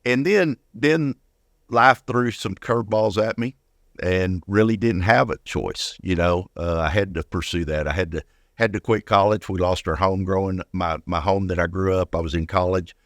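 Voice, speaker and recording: Speaking at a moderate pace in a deep voice, an older retired firefighter shares personal stories casually as an interview guest, frequently repeating words. The recording is dry, with clean studio sound.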